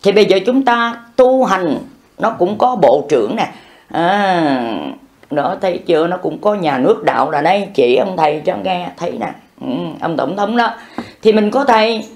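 Older monk, scolding sermon. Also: male voice, high-pitched, animated, moderate pace. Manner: folksy, scolding, acts out everyday dialogue. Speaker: Buddhist monk teacher. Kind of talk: improvised dharma talk.

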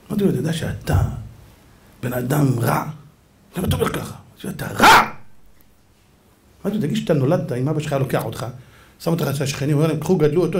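A man preaching as a rabbi in an animated sermon, swinging from loud outbursts to hushed low passages and acting out imagined dialogues. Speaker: rabbi giving a Torah lecture.

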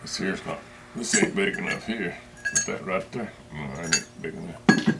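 A man's voice: low voice, lively intonation, normal speed, very noisy. Plain-spoken man in his seventies. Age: 70s. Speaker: grandfather. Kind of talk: casual talk on camera.

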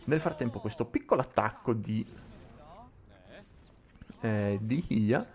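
A man's voice: fairly low pitch, animated, slow, darkish tone. A man giving live commentary on a video game match, often repeating and reworking his phrases as he goes. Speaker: esports commentator.

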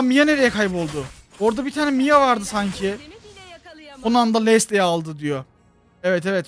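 Excitable high-voiced man with Turkish accent. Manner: excitable, chatty, bursts into loud shouts. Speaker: gaming channel host. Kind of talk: mobile game commentary.

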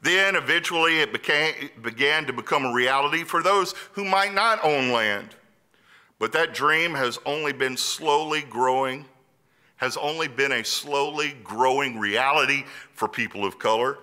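A man's voice: mid-range voice, moderate pace, bright, forceful tone. A middle-aged man from Louisiana, preaching an earnest sermon that moves from personal storytelling to emphatic appeals.

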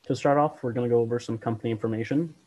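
A man's voice: mid-range voice, steady tone, racing, dark tone, highs cut off. A young man, a student presenter, delivering a prepared presentation. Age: young adult.

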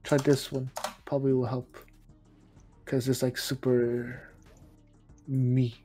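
A woman's voice: a bass voice, level tone, slow, mellow, faint music behind. A woman from China streaming a game, chatting casually and giggling apologetically. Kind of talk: casual chat while gaming.

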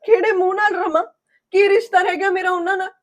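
An actress playing a young wife betrayed by her husband, tearful and pleading, sharp-tongued with him. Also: very high voice, flat delivery, fast talker. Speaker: wronged first wife.

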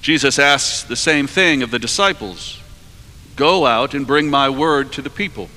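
Earnest man preaching in a cathedral. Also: mid-range voice. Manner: measured, earnest, trails off softly at phrase ends. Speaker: priest preaching. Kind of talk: sermon. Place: large cathedral, at a lectern. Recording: long cathedral reverb.

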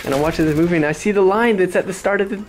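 A man, hoarse from losing his voice, giving casual game commentary from his apartment, rambling and swearing with frequent laughs. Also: sits high, very fast, a little mellow, slight background noise. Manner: rambling, profane, laughs often. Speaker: gaming commentator. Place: apartment at home.

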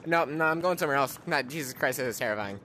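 A young man giving casual commentary while playing a game with a friend, jumpy, swinging from hushed mutters to shrieking laughter. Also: mid-range voice, lively intonation, fast talker, a little hiss or hum.

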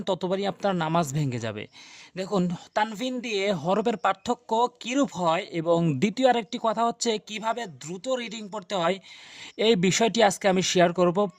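A man teaching Quran recitation in Bengali with a Bangladeshi accent, explaining letter sounds and repeating drawn-out practice syllables. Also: high-pitched, no echo. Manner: drills letter sounds slowly with repeated pairs. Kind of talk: online tutorial lesson.

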